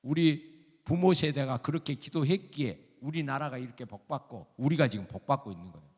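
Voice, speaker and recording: A man's voice: mid-range voice, brisk, husky. An older male emeritus pastor, preaching a sermon in a folksy, emphatic way and firing off rhetorical questions, recorded in a church sanctuary. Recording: long church hall reverb.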